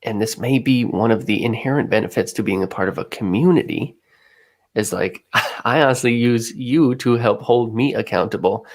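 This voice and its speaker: A man's voice: medium pitch, normal speed, a little mellow. A man co-hosting a podcast, talking things through in a thoughtful, musing way as he searches for the right words. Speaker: podcast co-host. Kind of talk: casual podcast chat.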